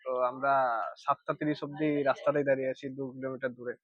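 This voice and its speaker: A young man, the vlogger's travel companion, tells his side in quick, fairly flat speech with a slightly higher voice. The sound is dry and a little dull. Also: dry recording. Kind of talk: casual chat on camera.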